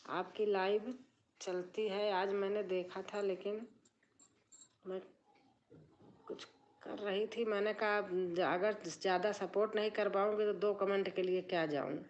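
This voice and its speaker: Soft-spoken middle-aged woman hosting a live chat. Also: medium pitch, steady tone, unhurried, long pauses, lo-fi sound, a little hiss or hum. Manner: speaks softly, keeping her voice down. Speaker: live stream host. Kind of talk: casual live chat reading comments. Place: drawing room at home.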